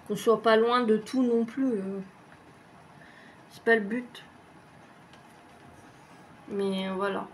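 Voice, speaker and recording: Slow, rambling woman with a higher voice. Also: steady tone, a little hiss or hum. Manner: rambling, hesitant, many fillers, casual swearing. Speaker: craft vlogger. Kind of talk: casual chat answering a tag.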